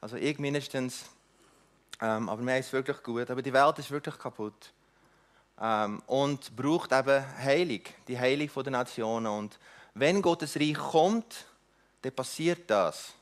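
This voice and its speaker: Speaking at church about mission, a middle-aged man whose first language isn't German sounds earnest and inviting, his voice mid-range. His delivery often halts, filled with fillers and restarts.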